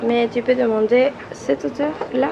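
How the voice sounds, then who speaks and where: A young woman from South America, a native Spanish speaker, speaks halting French with a Latin American Spanish accent, searching for words in casual chat. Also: fairly high pitch, fairly even intonation, creaky. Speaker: passer-by approached on the street. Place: outdoors on a city street. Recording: muffled street recording, crowd and traffic.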